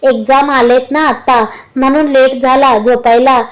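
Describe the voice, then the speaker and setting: Woman reading a hurried chatty college girl. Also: sits high, steady tone, low-quality recording.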